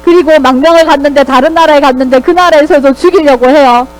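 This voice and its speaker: A woman's voice: high-pitched, quick pace, close to an everyday voice, poor audio. A woman voicing a desperate young male warrior who complains to God in a children's sermon. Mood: pleading. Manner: pleading, complaining.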